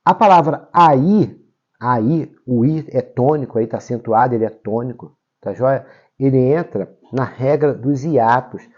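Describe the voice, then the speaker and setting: A man's voice: mid-range voice, a little slow, a little mellow, dull audio. A Brazilian man teaching Portuguese grammar for exams, explaining step by step and checking in often with his students. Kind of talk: exam-prep grammar lesson.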